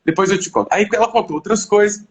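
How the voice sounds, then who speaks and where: A man's voice: high-pitched, quick pace. A man from Minas Gerais, a therapist telling stories in conversation and laughing as he goes. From Minas Gerais, Brazil. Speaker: therapist guest. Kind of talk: conversational storytelling.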